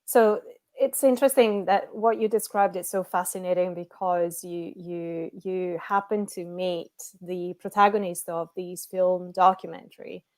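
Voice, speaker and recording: Female host, lower pitch, curious and searching, hesitant phrasing. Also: fairly even intonation, measured pace, darkish tone. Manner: curious, asks long hesitant questions. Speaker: interview host. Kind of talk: conversational interview questions.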